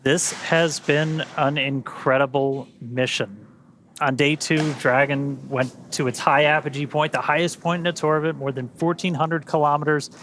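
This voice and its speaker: A man co-hosting a live space mission webcast, giving an enthusiastic recap at a steady pace. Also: on the high side, normal speed, slight background noise. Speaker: webcast host. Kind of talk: live launch webcast commentary.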